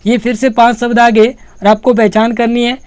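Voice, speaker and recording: A woman teaches an exam-prep lesson at a steady, patient pace, going back over key points with reminders. Her voice is smooth and clear. The recording is dry, with no room sound. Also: on the high side, moderate pace, dry recording.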